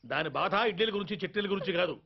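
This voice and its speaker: A fast, teasing joker. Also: male voice, high-pitched. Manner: playful, mock-serious, quick talker. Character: joking middle-aged man teasing a crowd of women. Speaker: film character. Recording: dull lo-fi film soundtrack, faint music.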